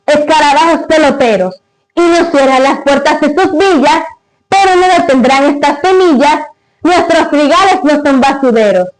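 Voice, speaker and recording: A woman's voice: high voice, poor audio. A woman reciting poetry in a grand declamatory style, solemn and emphatic, giving weight to each line of verse.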